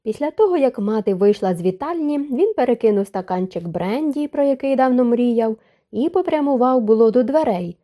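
A woman reading an audiobook of a romance novel in an even, measured narration. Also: on the high side.

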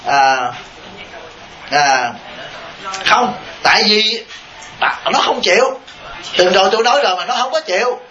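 A Buddhist monk teaches in a bright, raised voice, telling stories and checking that his listeners follow. He chuckles through his examples. The recording is echoey and dull, with a faint hiss. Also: high-pitched, unhurried, long pauses. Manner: animated storytelling, chuckling asides, rhetorical checks with the audience. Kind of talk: dharma talk answering questions. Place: temple hall with listeners.

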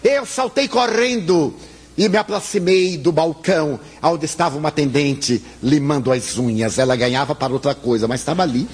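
A Brazilian man with a Brazilian Portuguese accent giving a spiritist lecture, telling an anecdote in an animated way with acted-out dialogue. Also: a little high, moderate pace, breathy edge. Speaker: spiritist speaker. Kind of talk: storytelling lecture.

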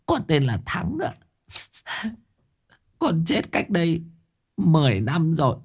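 A man voicing the whimpering ghost of a teenage boy, pleading in a high, thin voice. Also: huge pitch swings, slow, a little mellow, slightly rough, exaggerated voice.

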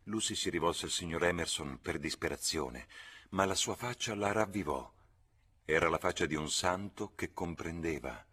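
Very deep, husky male reader. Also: animated, moderate pace, pushed and bright. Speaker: audiobook reader. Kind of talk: literary reading.

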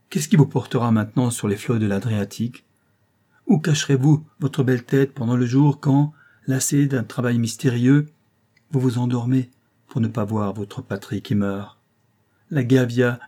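A man's voice: medium pitch, warm tone, natural voice. A man voicing a passionate, desperate young nobleman in a story reading, pleading in a raised voice.

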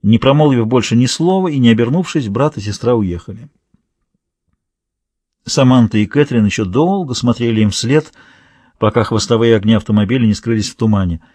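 A man narrating a thriller audiobook in a steady, measured reading. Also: mid-range voice, no room sound. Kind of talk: scripted narration.

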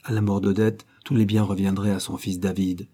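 A man reading a novel aloud as the narrator, in a steady, measured way. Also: lowish voice. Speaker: audiobook narrator. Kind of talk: scripted narration.

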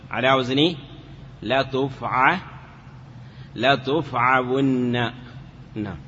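Brief: male teacher, bright, steady voice, patient step-by-step explaining, dull lo-fi recording in a reverberant hall. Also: medium pitch. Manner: explains step by step, asks the class questions, draws out words slowly. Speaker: teacher of Arabic morphology. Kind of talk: classroom lesson. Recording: lo-fi, hall reverb, faint noise.

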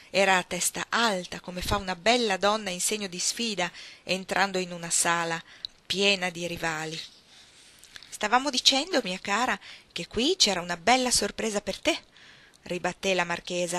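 A woman narrating a literary novel aloud, in a measured, expressive reading manner. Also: on the low side. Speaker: audiobook reader.

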